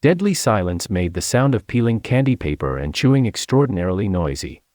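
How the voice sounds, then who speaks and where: Man, audiobook memoir narration, deep, very lively intonation, dry close sound. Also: fairly quick, no echo. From China. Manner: expressive storytelling.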